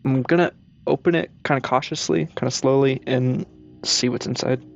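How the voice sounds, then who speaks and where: A man's voice: medium pitch, fairly even intonation, moderate pace, creaky, highs cut off. A man playing a comedic tabletop game, cautious and curious, asking the game master one question after another. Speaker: player.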